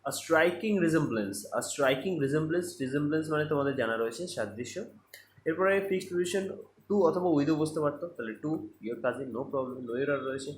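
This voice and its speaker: A man's voice: fairly high pitch, slight background noise. A man with a Bengali accent teaching English grammar, explaining each point step by step and checking in with rhetorical questions. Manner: explains step by step, reads sentences out slowly, asks rhetorical checks. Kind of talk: online grammar lesson. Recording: echoey room with faint ambience.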